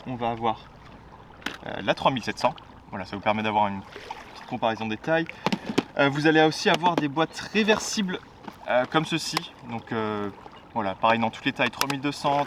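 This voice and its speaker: A man's voice: medium pitch, far from the mic, background noise. A man giving a casual product presentation for a fishing brand, talking in a chatty way with frequent "euh" fillers and restarts.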